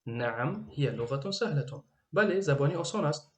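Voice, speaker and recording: A man with a Tajik accent teaching an Arabic grammar lesson. He repeats each Arabic phrase slowly and then translates it. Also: on the high side, lively intonation.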